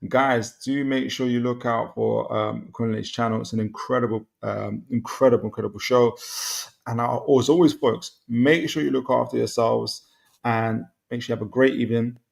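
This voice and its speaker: A man's voice: medium pitch, steady tone, normal speed, creaky. A man hosting a football talk show, upbeat, summing up the episode and laughing along with his guest. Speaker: host. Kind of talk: podcast hosting and football chat.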